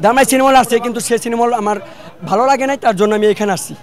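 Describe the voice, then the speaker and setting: A man with a Bangladeshi Bengali accent, a moviegoer interviewed outdoors outside a cinema, talking emphatically and repeating himself as an excited fan. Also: extremely high pitch, rapid-fire. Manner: repetitive, emphatic, fan enthusiasm. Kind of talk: excited street vox pop. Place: outdoors outside a cinema hall, crowd around. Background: crowd chatter.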